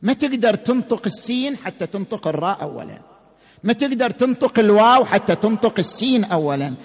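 A man giving a sermon-style religious lecture, emphatic, slowing and rising on key words. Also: high-pitched, lively intonation, in a large hall.

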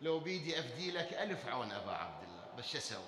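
A man chanting a slow mourning lament in the voice of a grieving old mother, drawing out each line. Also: medium pitch, very animated, crowd noise, voice pushed down, close to an everyday voice. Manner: slow wailing chant, drawn-out lines. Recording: echoey hall, long reverb.

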